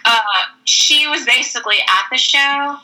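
A woman telling a casual anecdote in an animated way, full of "like" fillers, switching to a much higher pitch when acting out quoted voices. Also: measured pace, poor audio. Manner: animated, heavy use of "like" fillers. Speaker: storyteller.

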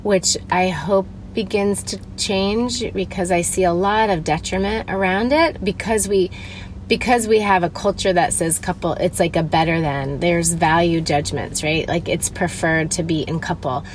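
A woman's voice: on the low side, steady tone, moderate pace. A woman hosting a casual solo podcast, thinking aloud with frequent check-ins, speaking from a little way off a phone in a car. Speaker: podcast host. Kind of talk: casual solo reflective talk. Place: inside a car. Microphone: phone, not held, at a distance. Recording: far from mic, noisy car phone recording. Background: vehicle noise.

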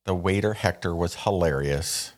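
A man's voice: low voice, normal speed. A man hosting a casual podcast, chatting in a joking, self-deprecating, rambling way. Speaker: podcast host. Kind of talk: casual chat.

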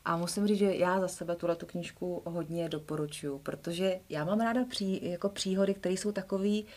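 A woman in her forties co-hosting a casual chat, talking in quick, chatty bursts. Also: on the low side, a little mellow. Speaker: co-host.

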